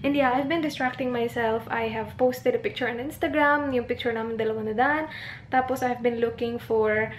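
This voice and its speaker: A woman's voice: on the high side, a little hiss or hum. A young Filipino woman with a Filipino accent, chatting casually in a home vlog and mixing English into her talk. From Philippines. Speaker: vlogger.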